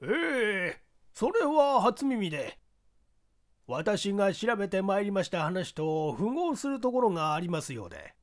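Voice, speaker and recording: A man's voice: high-pitched, sing-song, a little slow, pitched above the performer's own voice, exaggerated voice. A man voicing a grey-bearded police sergeant reporting in stiff, polite formal speech. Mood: respectful.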